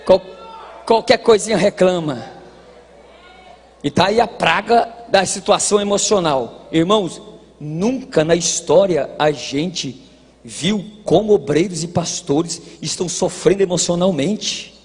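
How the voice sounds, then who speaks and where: High-voiced husky preacher in an echoing hall. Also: male voice, measured pace. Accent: Brazilian Portuguese. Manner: folksy, joking, shifts between quiet asides and shouted exhortation. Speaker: pastor. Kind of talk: sermon. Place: large church hall at a congress. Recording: hall reverb, long echo.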